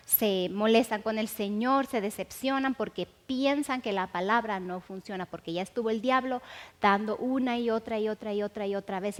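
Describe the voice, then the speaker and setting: Woman Bible teacher, fairly high voice, emphatic sermon delivery with slow repeated phrases, long hall echo.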